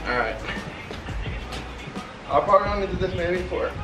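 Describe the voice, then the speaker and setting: A man's voice: high voice, expressive, moderate pace. Young man, casual review vlog, rambling and chatty, outdoor patio, music behind. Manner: laid-back, rambling, chatty. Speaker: vlogger.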